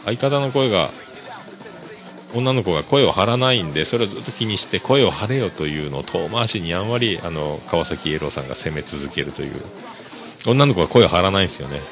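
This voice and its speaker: A man chats through a relaxed solo podcast, his deep voice gravelly and his pitch bouncing around a lot. He laughs easily and pads his talk with fillers. The recording is dull and lo-fi, with music playing beneath him. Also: fairly quick. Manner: easygoing, chuckling, full of fillers. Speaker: podcast host. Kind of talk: casual solo podcast chat. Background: music playing underneath.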